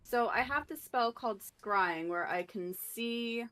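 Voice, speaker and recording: A woman's voice: a little high, measured pace, fairly bright tone. Woman player asking spell questions. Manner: earnest, questioning. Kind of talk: tabletop role-play, asking rule questions.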